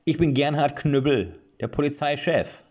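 A man voicing a brash, jovial dwarf police chief who talks loudly and mockingly, on a slightly dull recording. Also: a little high, normal speed, voice pushed up, lightly acted. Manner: loud, breezy, mocking.

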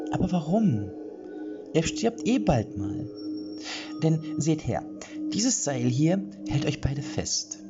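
A man voicing a cruel, gleeful female witch in a fairy-tale audiobook, taunting and theatrical. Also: lo-fi sound. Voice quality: high, sing-song and cackling.

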